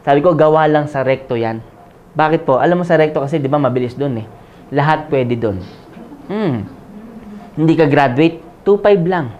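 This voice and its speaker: A man's voice: fairly high pitch, animated, moderate pace, darkish tone, muffled recording, slight background noise. A man in his forties giving a live seminar talk, joking and often asking the audience to agree. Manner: conversational, asks the crowd "Tama?" often; jokes and laughs while telling his story. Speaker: motivational speaker.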